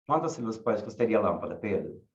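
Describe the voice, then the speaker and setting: A man teaching a class, asking questions slowly and repeating key words. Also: lowish voice, sing-song. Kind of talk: online class lecture. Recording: echoey room, dull lo-fi sound.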